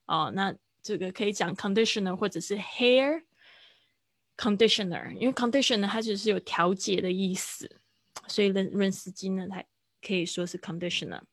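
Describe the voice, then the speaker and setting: Teacher: woman, low gravelly voice, dry close sound, slow drilling of vocabulary on a livestream lesson. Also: dry recording. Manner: explains slowly, repeats words for drill. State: hiccuping. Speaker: English teacher.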